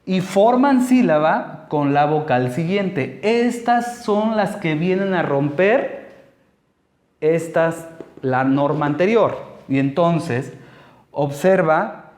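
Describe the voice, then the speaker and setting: A man teaching a language lesson, explaining rules slowly and patiently, step by step. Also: fairly high pitch, expressive, a little mellow, roomy sound.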